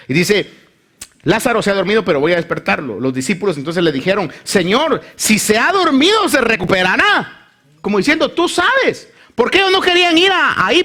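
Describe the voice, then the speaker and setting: Lively, high-voiced preaching pastor. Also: male voice. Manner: animated preaching, acts out voices of the Bible story. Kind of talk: sermon.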